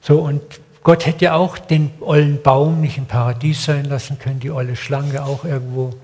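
An older man delivering a sermon in plain, blunt everyday speech, putting rhetorical questions to his congregation. His voice sits a little high for a man. The recording carries a long reverb tail, as from a large hall. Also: fairly even intonation, moderate pace, darkish tone. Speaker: preacher.

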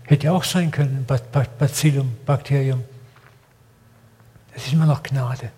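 A man's voice: medium pitch, steady tone, moderate pace, mellow. An older man preaching a sermon in blunt, colloquial words, often asking his listeners rhetorical questions. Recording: long hall reverb.

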